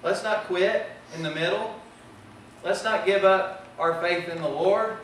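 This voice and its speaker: A man's voice: sits high, a little slow, fairly bright tone, heavy reverb, distant mic, slight background noise, poor audio. A man preaching a sermon with impassioned delivery that rises and falls in volume. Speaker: pastor. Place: church sanctuary.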